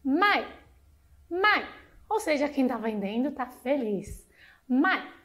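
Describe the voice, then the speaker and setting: A woman with a Chinese accent and Mandarin as her first language, slowly and patiently teaching a short lesson on a talk show. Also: high voice, expressive. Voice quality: slow, patient explaining with repeated drilled syllables.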